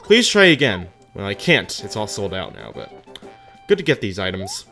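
A gaming host giving casual gameplay commentary, musing aloud in an animated way and sometimes reading game text. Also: low voice, normal speed, creaky. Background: game music.

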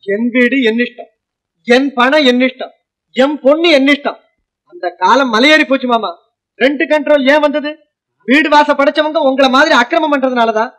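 An actor playing a defiant young nephew in a 1950s film, arguing and declaiming formal lines. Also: male voice, very high-pitched, normal speed, fairly bright tone. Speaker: nephew in the household.

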